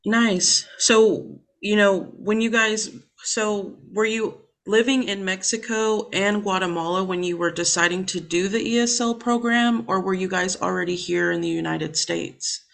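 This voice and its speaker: A woman's voice: medium pitch, fairly even intonation, measured pace, gravelly, few pauses. A young woman who is a student, conducting a casual interview over a video call, friendly and full of fillers like um and you know.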